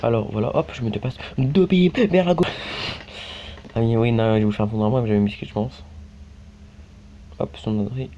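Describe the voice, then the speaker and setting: A man from France chats loosely over his mobile game, his voice low and mellow. He wanders between thoughts, padding every phrase with fillers. The sound is dull and lo-fi with a faint hiss behind it. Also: little pitch movement, fast, pauses often. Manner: rambling, many fillers and repeated "hein". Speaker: gaming YouTuber. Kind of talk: casual let's-play commentary. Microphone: phone screen recording mic.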